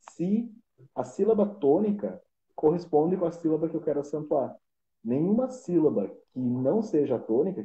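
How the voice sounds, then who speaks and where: Man, Portuguese teacher, very dark mellow tone, roomy lo-fi stream sound, patient step-by-step explainer. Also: medium pitch. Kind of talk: casual explanatory lesson. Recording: roomy, dull lo-fi live stream audio.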